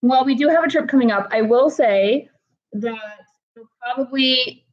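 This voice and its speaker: A woman's voice: high-pitched, moderate pace. A woman hosting a casual livestream from home, chatting easily and greeting viewers by name from the chat. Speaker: livestream host. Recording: dull lo-fi livestream audio.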